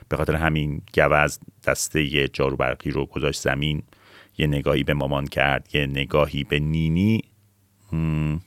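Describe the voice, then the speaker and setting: A man telling a children's story slowly and gently, sometimes slipping into high voices for the characters. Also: dry recording, clean studio sound. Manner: gentle, slow, does squeaky voices for characters. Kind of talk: bedtime story narration.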